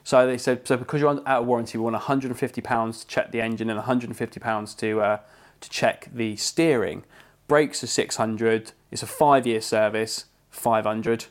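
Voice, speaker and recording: A young English man co-hosting a podcast, telling a story in a casual, animated way and swearing freely. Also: medium pitch, moderate pace. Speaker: podcast co-host.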